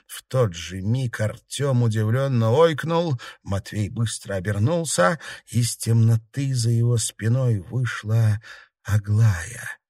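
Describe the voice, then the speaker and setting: A man reading an audiobook, narrating in a steady, measured way. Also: lowish voice, dry recording, studio quality. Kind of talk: scripted narration.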